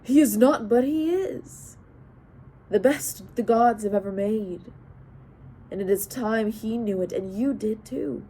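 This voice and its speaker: A woman voicing a calm, cunning male king and counselor who speaks in a measured, wry way. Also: fairly high pitch, slight background noise.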